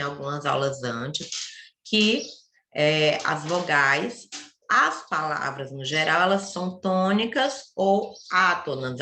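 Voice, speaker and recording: A woman teacher gives an online lesson to young pupils. Her voice sits low but sounds bright and forceful. She explains patiently and keeps asking the class rhetorical questions, and the room around her is echoey. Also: a little hiss or hum. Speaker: primary school teacher.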